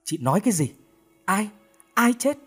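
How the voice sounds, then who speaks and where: A man's voice: high-pitched, big pitch swings, normal speed, husky, faint music behind, voice pushed up, full character voice. Man voicing a young champion fighter. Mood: shocked. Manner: sharp outbursts.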